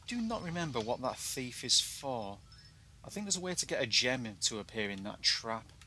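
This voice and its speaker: This video game walkthrough comes from a British man with a medium-pitched, sharp voice that swings widely in pitch at a moderate pace. He drops his T's into glottal stops and keeps the commentary casual, chatty and self-deprecating, with clear background noise in the recording.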